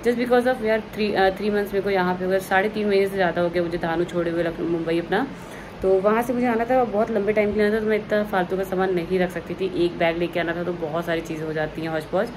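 A woman's voice: medium pitch, fairly even intonation, fast, background noise. A young woman chatting casually in a home vlog, slipping English words into her speech. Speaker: vlogger.

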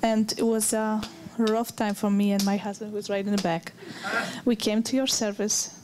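Accented woman giving a flat testimony. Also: mid-range voice, normal speed, crowd noise. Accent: foreign. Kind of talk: healing testimony.

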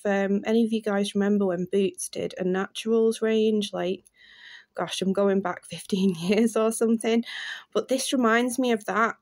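A woman in her thirties talks straight to her viewers in a chatty, gushing way. Her voice sits at an ordinary middle pitch for a woman. She sounds excited about every item she picks up. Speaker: beauty vlogger. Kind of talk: casual unboxing chat to camera.

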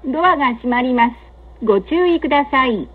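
A high, expressive female voice delivers scripted, recorded onboard announcements over a train's public-address system in a polite, measured, formal way. The PA sound is dull and lo-fi, with running noise and train ambience behind it.

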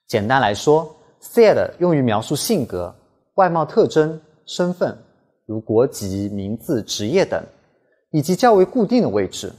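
A man teaching a language lesson in scripted narration, slowing down carefully to model pronunciation. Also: medium pitch, darkish tone.

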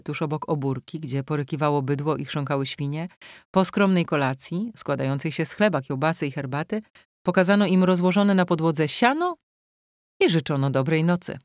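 A woman narrating an audiobook in a measured, even storytelling manner, close to a studio microphone. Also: deep voice, dry recording. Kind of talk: scripted narration.

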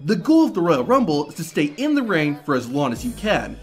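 Male countdown narrator, animated delivery, slightly high voice, light music underneath. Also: fairly quick. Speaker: narrator of a wrestling countdown video.

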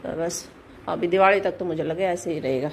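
A woman's voice: normal speed, a little hiss or hum, rough recording. A woman in her thirties chatting casually through her day at home, a mother talking to her viewers. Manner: chatty, scolds children in sharp high calls. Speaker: vlogger, mother. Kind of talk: casual home vlog narration. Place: indoor home.

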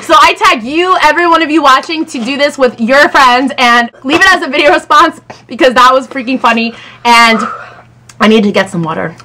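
A woman's voice: high-pitched, fairly quick, bright, forceful tone. A young adult woman hosting a casual home video, chatting informally to the camera. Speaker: video host.

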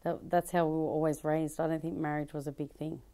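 A woman's voice: low-pitched, little pitch movement, brisk, mellow. A woman in her thirties with an Australian accent, answering interview questions chattily in a dress shop, laughing easily and restarting sentences. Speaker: comedian and fashion designer. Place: bridal dress shop, indoors. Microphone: handheld mic held by interviewer.

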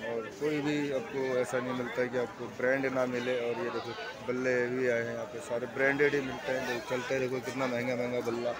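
A man's voice: medium pitch, flat delivery, brisk, few pauses. A man filming a walking tour of a crowded outdoor market on his phone, talking to viewers, repeating himself as he praises the goods. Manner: chatty, repetitive, hawks quality to viewers. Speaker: vlogger. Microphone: handheld phone. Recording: loud crowd noise all around.

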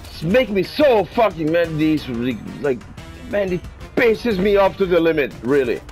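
Homem com sotaque brasileiro reclamando em voz alta enquanto joga, entonação muito expressiva e ritmo pausado. Gritos de desespero surgem a cada morte. Por trás, a trilha do game soa suave. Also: male voice, sits high, big pitch swings. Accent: Brazilian Portuguese. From Brazil. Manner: exasperated, swings into loud cries of despair. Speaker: gameplay streamer. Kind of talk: gameplay commentary in Portuguese and English. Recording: game music faintly behind.

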